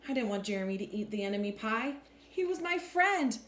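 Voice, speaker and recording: Her voice sits on the high side as she reads a storybook at a fairly quick clip, acting out lines in an animated, teacherly way. There's an echo in the room and a faint hum of background noise.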